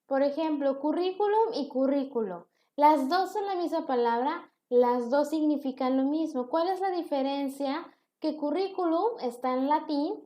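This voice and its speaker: A woman gives a recorded online lecture, high in pitch and mellow in tone. She asks her students questions and answers them herself. Her voice carries a noticeable room echo from the computer microphone. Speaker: teacher.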